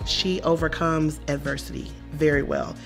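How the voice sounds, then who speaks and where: Gravelly-voiced adult praising a young woman. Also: medium pitch, fairly even intonation, normal speed, faint music behind. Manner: admiring, warm praise. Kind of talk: interview in a tribute video.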